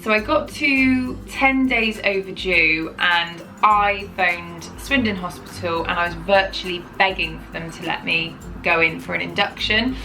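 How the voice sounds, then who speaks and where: A woman's voice: lowish voice, sharp tone, rough recording. A woman, telling her own story to camera in a chatty, rambling way, often correcting herself. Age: 30s. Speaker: parenting vlogger.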